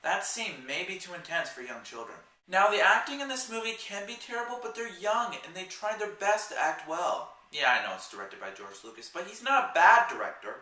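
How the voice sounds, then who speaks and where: Guy doing a chatty movie review vlog, kinda high bright voice, rambles a lot, roomy echo, mic far off. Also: sing-song, brisk, hardly any pauses. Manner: chatty, rambling, with sidetracked asides.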